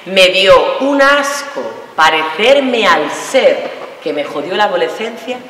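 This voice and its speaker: A woman performing an earthy, animated live monologue before an audience. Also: medium pitch, takes it slowly. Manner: lively, earthy, acts out scenes. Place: lecture hall with audience. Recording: echoey hall, distant mic, faint noise.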